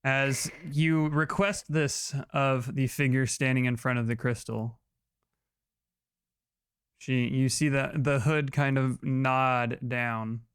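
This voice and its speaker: Smooth-voiced man running a fantasy game. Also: mid-range voice, steady tone, slow pace, fairly bright tone, dry recording, clean studio sound. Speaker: game master. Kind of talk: improvised narration of a tabletop fantasy game.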